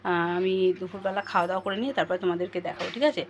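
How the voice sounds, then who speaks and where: A woman chatting casually to her viewers while cooking at home, keeping her voice low so her sleeping son is not woken. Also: steady tone, rapid-fire. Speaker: home vlogger and mother. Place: home kitchen with a tin roof during rain. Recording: noisy home recording with rain on a tin roof.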